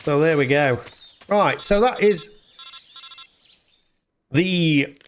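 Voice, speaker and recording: A gaming YouTuber and channel host speaks very slowly in a fairly high voice, with a little hiss or hum in the audio. His gameplay commentary is casual, informal and rambling.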